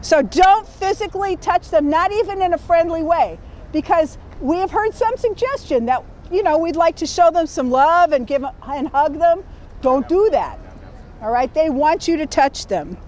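High-voiced woman leading an outdoor drill. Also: animated, normal speed, a little mellow, slight background noise. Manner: projecting teacher voice, checks in with the group. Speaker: community training leader. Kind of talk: reading a training guide aloud to a group.

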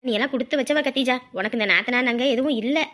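Actress as a griping housewife, quick high bright voice, gossipy. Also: female voice. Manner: rapid gossipy complaining. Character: village housewife griping about her in-laws. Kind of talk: comedy sketch acting.

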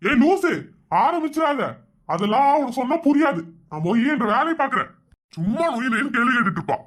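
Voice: sits high, animated, fast talker, a bit bright. A performer voicing a teasing village husband in a cartoon who brushes off his wife's questions curtly. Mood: dismissive. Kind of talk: cartoon voice acting.

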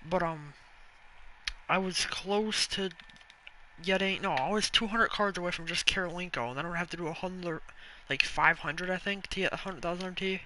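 A young man live-streaming a video game, rambling casually to viewers and breaking into excited yelling and swearing. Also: high-pitched, moderate pace, noisy background. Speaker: gaming streamer.

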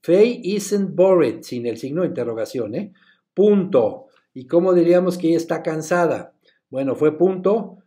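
Guy teaching english, talks real slow, spells stuff out letter by letter. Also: fairly high pitch, mellow. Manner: switches between Spanish and English. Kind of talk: recorded class lesson.

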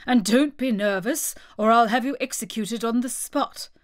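A woman's voice: a little high, moderate pace, natural voice. A woman voicing an impatient, threatening king in a storybook, speaking sharply and with command. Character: bossy, impatient, threatening male king judging a trial.

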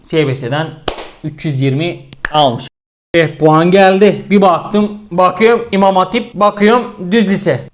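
A man's voice: sits high, unhurried. A young man from Turkey reading a viewer's mail aloud on his channel, joking in slang and chiming in with his own comments. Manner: slangy, joking, mimics voices while reading. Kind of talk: casual comedic reading and commentary.

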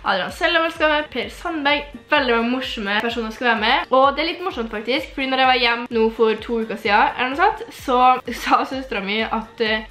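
A woman's voice: a little high, pushed and bright. A nineteen-year-old woman from central Norway with a Trøndelag accent, chatting bubbly and giggly in a casual vlog. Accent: Trøndelag Norwegian. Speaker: YouTuber. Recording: echoey room.

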